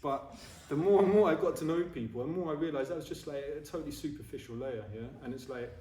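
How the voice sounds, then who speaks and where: A man's voice: on the high side, fast talker, warm tone. A man in his forties giving a casual, self-mocking Buddhist talk to a group, often checking in with his listeners. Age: 40s. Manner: chatty and self-mocking, keeps checking in with "yeah?". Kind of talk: informal dharma talk to a group. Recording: roomy echo, voice from a distance.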